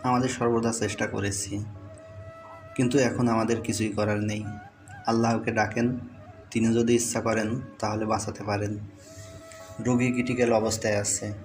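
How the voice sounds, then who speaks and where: A man voicing a solemn doctor who delivers bad news in a low, even voice. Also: moderate pace, long pauses, faint music behind, natural voice. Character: grave male doctor, calm and solemn.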